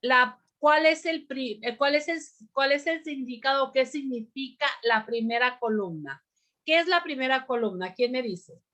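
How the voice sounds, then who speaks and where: A woman teaching a bible lesson to a women's group, speaking deliberately and often pausing on "amén" to ask her listeners questions. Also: sits high, bright, forceful tone.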